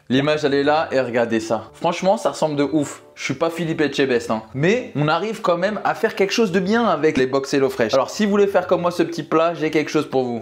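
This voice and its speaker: A man's voice: a little high, slight background noise. A young man casually talking through a food-tasting vlog, joking and speaking directly to his viewers. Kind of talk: casual vlog with sponsor read.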